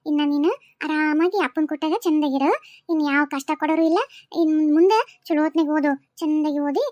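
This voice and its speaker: A very high, soothing voice of a protective sister figure in a cartoon, played by a woman, with a North Karnataka accent. It is motherly and gentle, recorded dry and close to the mic. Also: steady tone, brisk, no room sound, natural voice. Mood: tender. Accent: North Karnataka Kannada. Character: caring young woman guardian, secretly divine.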